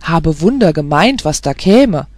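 A reader voicing gruff, scornful older male gate guards in an audiobook fairy tale, shouting harshly and mocking. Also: medium pitch, sing-song, a little slow, no echo, clean studio sound.

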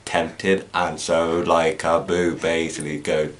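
Man, extremely deep voice, slow pace, halting, casual film chat. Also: flat delivery. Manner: halting and hesitant, with restarts and fillers. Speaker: host.

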